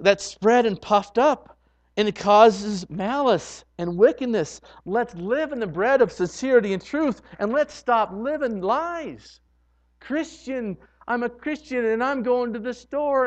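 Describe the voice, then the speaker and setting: A male pastor preaching a sermon, acting out imagined churchgoers in quick asides. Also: high-pitched, dull audio. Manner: animated, acts out imagined churchgoers.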